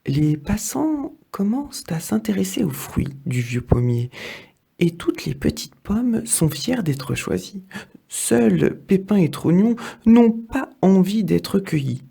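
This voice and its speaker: A man reading a children's story aloud in a gentle, measured way. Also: high-pitched, sing-song, vocal fry, breathy edge.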